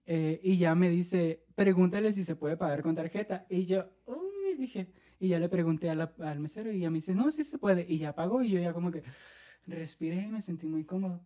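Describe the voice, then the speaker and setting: A man with a Mexican accent telling an animated story on a podcast, laughing and acting out what people said. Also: high voice, fairly quick. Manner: animated, laughing, acts out quoted voices. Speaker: podcast co-host. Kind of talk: casual storytelling chat.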